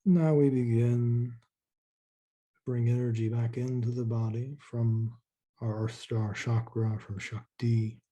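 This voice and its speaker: This is a medium-pitched man talking listeners through a meditation, his delivery soft, slow and soothing, with repeated words and lengthy silences.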